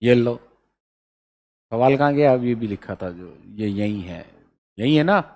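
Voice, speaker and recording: A man's voice: mid-range voice, animated, a little slow, a little mellow. A male teacher giving a classroom lecture, drilling memory codes letter by letter and checking in with students again and again. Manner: keeps checking in with students, repeats key points. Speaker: exam-prep teacher.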